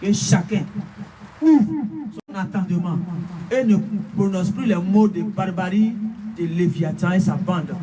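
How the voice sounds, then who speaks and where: A man preaching a spiritual message, speaking slowly and emphatically and repeating hallelujah often. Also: high voice, mellow. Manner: slow, emphatic delivery with frequent hallelujahs. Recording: distant mic with faint room noise.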